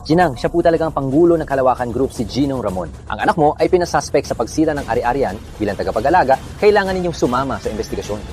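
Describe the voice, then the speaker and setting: A man playing a brisk, lively official. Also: mid-range voice, soft background music, natural voice.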